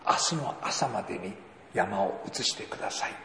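An earnest elderly woman prays softly and pleadingly, as a preacher puts her on. The voice is low-key and gravelly. It carries long hall reverb. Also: expressive, normal speed, a little hiss or hum, full character voice. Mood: hushed, earnest. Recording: roomy hall reverb, faint ambience.

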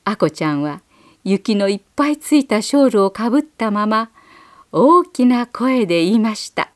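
A woman narrating a children's story aloud in a gentle, measured read-aloud manner. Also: a little high, expressive, no echo, studio quality.

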